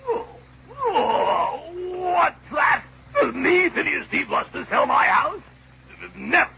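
A man's voice: very high-pitched, wildly swooping pitch, slow pace, creaky, sharp tone, full character voice. A man voicing a blustering, pompous and stubborn old man puppet in a 1950s children's television show. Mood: outraged. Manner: pompous, indignant exclamations. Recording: dull vintage TV soundtrack, crowd noise.

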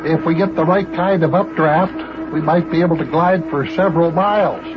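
A man's voice: on the high side, normal speed, natural voice. A man playing a folksy, boastful airplane pilot in an old children's radio serial. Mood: relaxed, chatty. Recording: muffled old radio recording.

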